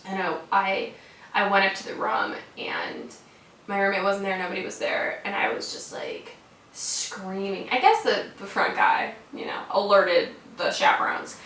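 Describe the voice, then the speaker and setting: A young American woman recounts a story in loose, everyday talk, peppered with "like" and swearing. Her voice is bright and forward. The recording is roomy, with the mic set back from her. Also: medium pitch, expressive, measured pace, slight background noise. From United States. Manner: casual, swears freely, filler "like" throughout. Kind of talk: casual personal storytelling. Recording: roomy sound from a distant mic.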